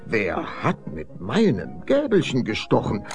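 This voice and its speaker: Casting: little fairy-tale dwarf miners, kindly and fussy, read by a man, lively lilt. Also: fairly low pitch, a little slow, faint music behind, exaggerated voice. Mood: puzzled.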